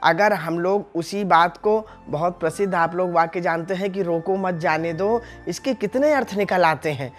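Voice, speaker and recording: A man's voice: sits high, moderate pace, few pauses, faint music behind. A male religious teacher giving a devotional discourse, addressing the listeners as friends and sounding out syllables one by one to make his point. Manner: explains Hindi sounds by voicing each syllable; addresses the audience as friends, asks rhetorical questions.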